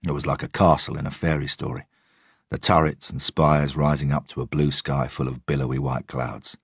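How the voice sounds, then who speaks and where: Very deep, husky male narrator. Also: flat delivery, moderate pace, dry recording, studio quality. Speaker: audiobook narrator. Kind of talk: first-person audiobook narration.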